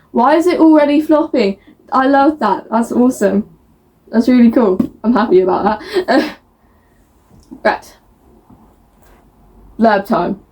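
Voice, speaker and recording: A woman with a fairly high voice talks casually to her viewers as a book vlogger. She reads blurbs aloud, stumbles over words and laughs at herself as she goes. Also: a little mellow. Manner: chatty, self-mocking, stumbles over words.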